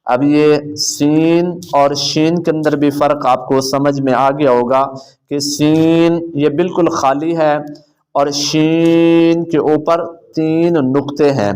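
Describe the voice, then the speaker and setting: A man teaching beginners the Arabic letters, drawing out each letter name in a slow chant between quick explanations. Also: on the high side, a little mellow, clean tone. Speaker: Quran teacher.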